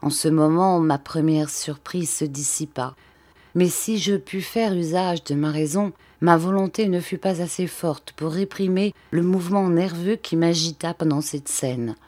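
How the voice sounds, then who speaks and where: Slow low-voiced woman reading aloud. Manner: measured, steady reading. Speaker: audiobook reader. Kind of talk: scripted literary narration.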